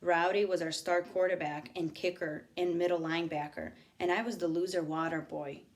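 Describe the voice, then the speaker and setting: Expressive woman teacher reading aloud. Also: fairly low pitch, normal speed. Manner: expressive, with asides to the class. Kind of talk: reading a novel aloud to students.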